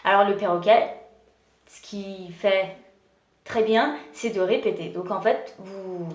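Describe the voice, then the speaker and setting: A woman leading an early-childhood music lesson for parents and children, explaining slowly and gently with many pauses and fillers. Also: mid-range voice. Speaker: music teacher. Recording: roomy room with faint noise.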